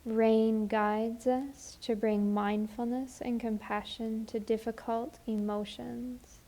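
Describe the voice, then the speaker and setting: A woman in the role of meditation teacher guides a session with gentle, soothing speech, pacing her phrases slowly and pausing at length. Her voice is fairly high.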